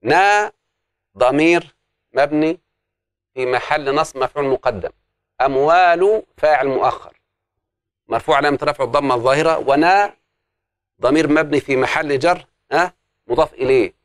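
A man's voice: on the high side, normal speed, pauses often, no room sound. A man teaching an Arabic grammar lesson, explaining step by step and putting questions to the class that he answers himself.

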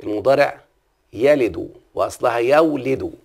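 A man teaching a classical Arabic grammar lesson in an Egyptian accent regularly breaks off to put check-in questions to his listener. He speaks at a moderate pace in a gravelly, darkish mid-range voice with lively intonation.

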